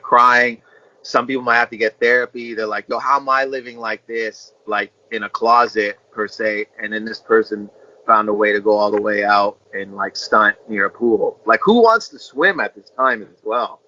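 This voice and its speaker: A man's voice: mid-range voice, pushed and bright. Teasing rambling man on a lo-fi call. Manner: rambling, teasing, heavy use of filler "like". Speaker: comedian. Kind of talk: comedic video-call banter. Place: indoor room at home.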